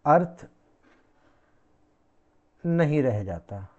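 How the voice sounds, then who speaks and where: A man's voice: on the high side, expressive, very slow, a little mellow, highs cut off. A man giving a classroom lecture, repeating key words and asking the class questions he then answers himself. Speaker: teacher.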